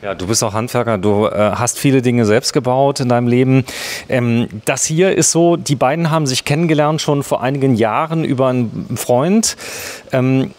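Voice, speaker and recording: A man's voice: medium pitch, moderate pace, a little mellow. A man hosting a casual on-site product demonstration, chatty and joking, with plenty of fillers. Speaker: host.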